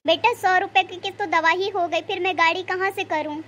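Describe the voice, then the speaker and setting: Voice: very high voice, steady tone, brisk, a bit bright, slight background noise. A performer voicing a tired widowed old mother-in-law in a cartoon, begging and tearful. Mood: weary. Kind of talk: cartoon voice acting.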